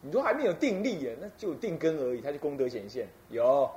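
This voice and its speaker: A man's voice: fairly high pitch, big pitch swings, fast, darkish tone, dull audio. A man from Taiwan, an abbot giving a folksy Buddhist sermon and demonstrating chanting.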